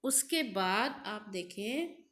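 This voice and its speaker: A woman's voice: mid-range voice, animated, takes it slowly, a bit bright. A woman teacher giving a recorded grammar lesson, drawing out examples and repeating key terms.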